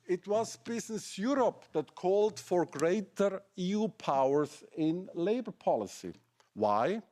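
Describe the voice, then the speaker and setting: This seminar speaker is a middle-aged man with a German accent whose voice sits high and sounds a little mellow. He argues like an academic, pressing his point with rhetorical questions.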